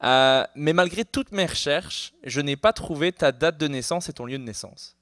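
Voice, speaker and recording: A man's voice: on the high side, normal speed, a bit bright, no echo. Male interviewer host, upbeat and easy laugh, dry close mic. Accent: French-speaking. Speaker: podcast host. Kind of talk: casual live podcast interview. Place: live podcast taping before an audience.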